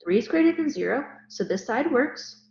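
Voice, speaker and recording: A woman's voice: fairly high pitch, lively intonation, normal speed, vocal fry, darkish tone. A woman walks through a math problem one step at a time, talking as she works. The sound is roomy and slightly dull, like a lo-fi lecture recording in an echoey space. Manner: step-by-step, explanatory. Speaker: math teacher.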